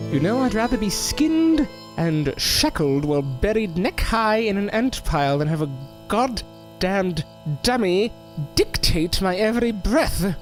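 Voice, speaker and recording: In an audio drama, a performer with a mid-range voice plays a washed-up ventriloquist who is bitter, boozy and self-important. The delivery is theatrical and condescending.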